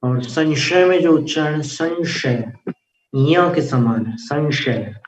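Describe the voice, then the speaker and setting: Unhurried male recitation teacher with a fairly high voice, chanting and explaining pronunciation, heard from a distance in an echoey room. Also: a little hiss or hum. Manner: alternates chanted verses with quick explanations. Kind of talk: teaching Sanskrit hymn pronunciation. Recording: echoey, dull, distant mic.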